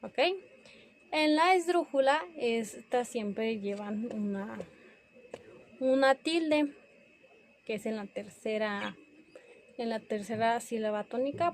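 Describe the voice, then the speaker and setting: A woman's voice: on the high side, a little hiss or hum. A young woman presenting a class review, hesitant and correcting herself as she goes. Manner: hesitant, self-correcting, slow and careful.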